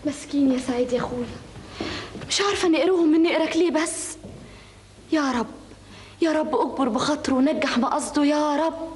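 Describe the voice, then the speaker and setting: An actress playing a gentle young daughter with an Egyptian accent, softly pleading on her brother's behalf. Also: high voice, a little fast, pauses often, slight background noise, lightly acted. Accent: Egyptian Arabic. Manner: soft, pleading. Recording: long reverb.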